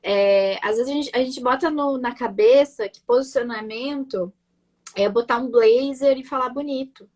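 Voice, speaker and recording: A high-pitched woman from Rio Grande do Sul, Brazil, speaks at a normal speed with a darkish tone and a blended southern Brazilian accent, part gaúcho and part Florianópolis. She's a guest in a casual interview, a nurse who creates marketing content. Talkative and repetitive, she keeps checking in with "né?" and "sabe?"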